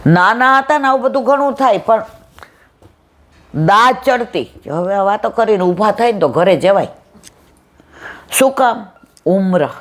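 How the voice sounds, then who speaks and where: A woman's voice: medium pitch, animated, unhurried, long pauses, a bit bright. A woman giving a devotional satsang talk. She tells stories from her memories and acts out what people said. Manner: reminiscing, quotes people in little voices. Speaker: satsang speaker.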